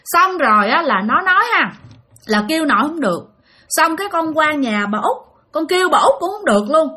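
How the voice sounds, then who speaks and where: A woman's voice: sits high, very animated, brisk, sharp tone, pitched above the performer's own voice, full character voice. A woman voicing a plaintive drowned boy's ghost. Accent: Southern Vietnamese. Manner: plaintive, complaining. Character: ghost of a drowned young boy, pleading.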